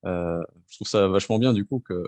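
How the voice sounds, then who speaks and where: A man interviewing a guest in a casual, hesitant, halting way. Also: low voice, darkish tone, dry recording.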